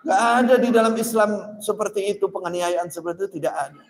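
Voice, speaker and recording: A man's voice: high-pitched, brisk, a little hiss or hum. A man preaching a sermon, telling stories with emphatic, sharply rising stresses on key words. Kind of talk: sermon with storytelling. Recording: echoey hall with long reverb.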